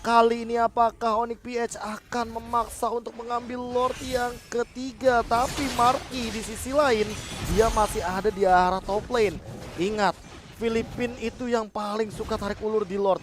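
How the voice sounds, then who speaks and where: A man with an Indonesian accent giving excited esports match commentary. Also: extremely high pitch, normal speed, a little hiss or hum.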